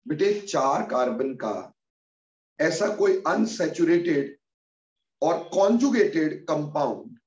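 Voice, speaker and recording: A man teaching a chemistry class online in Hindi-English, calling his students "beta" and slowly dictating formulas. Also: on the high side, darkish tone. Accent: Hindi-English mix. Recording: muffled, echoey, far from mic.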